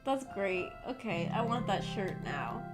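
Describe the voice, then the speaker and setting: A young adult woman hosts a visual novel book club on a livestream, chatting casually and telling rambling anecdotes. Her mid-range voice is unhurried, and she giggles, fills her speech with "like," and tells her stories animatedly over background music.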